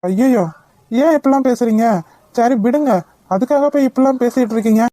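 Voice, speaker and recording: A woman voicing a gentle young village husband in a cartoon, polite, apologetic and reassuring. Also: a little high, a little fast, dry recording, lightly acted. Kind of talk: cartoon voice acting.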